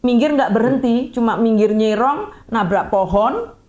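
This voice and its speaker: A woman in church ministry telling her own testimony in a lively way, acting out her own cries and prayers. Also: fairly high pitch, a little slow, muffled recording.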